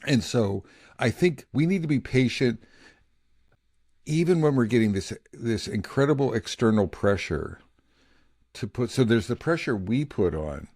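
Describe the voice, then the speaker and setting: A man's voice: medium pitch, expressive, a little slow, darkish tone, dry recording, studio quality. Candid, rambling middle-aged male podcaster. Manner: candid, rambling, gets feisty. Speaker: podcast co-host. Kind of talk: casual podcast chat. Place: home office.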